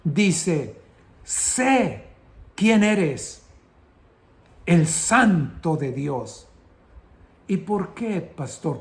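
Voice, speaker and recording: A man's voice: on the high side, mellow. A male pastor teaching a sermon, asking rhetorical questions and repeating phrases for emphasis.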